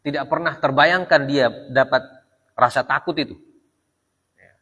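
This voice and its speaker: Preacher in an echoey hall. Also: male voice, medium pitch, fairly bright tone, highs cut off. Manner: reads Arabic text slowly, then retells in Indonesian with frequent "ya". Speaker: religious teacher. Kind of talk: Islamic study lecture. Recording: long hall reverb.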